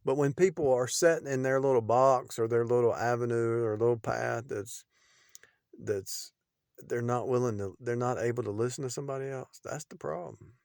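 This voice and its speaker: A middle-aged man talking in an unscripted, rambling preaching monologue, repeating phrases and restarting sentences, often dropping in loudness. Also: medium pitch, steady tone, moderate pace, gravelly, no echo, studio quality.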